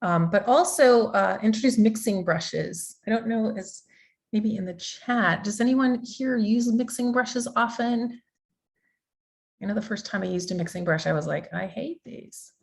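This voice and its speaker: A woman's voice: medium pitch, normal speed, gravelly. A woman teaching an online digital art workshop over a video call, chatty and loose, with many fillers and restarts.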